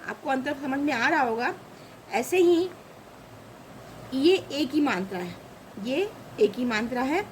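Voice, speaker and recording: Slow, high-voiced woman teaching. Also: a little hiss or hum, low-quality recording. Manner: repeats each example word, asks the class questions. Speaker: grammar teacher. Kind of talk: slow spoken lesson.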